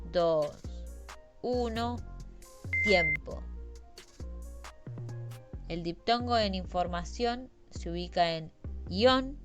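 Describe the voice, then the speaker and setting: A woman teaching a Spanish grammar lesson, explaining slowly and carefully and stressing each example word. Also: lowish voice.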